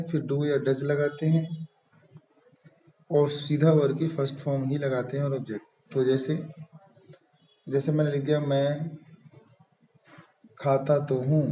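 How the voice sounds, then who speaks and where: A man's voice: on the high side, dark tone, muffled recording, slight background noise. Male Hindi grammar tutor, echoey room. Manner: patient, repeats key terms, frequent "ठीक है" checks. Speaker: English grammar teacher. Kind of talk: step-by-step classroom explanation.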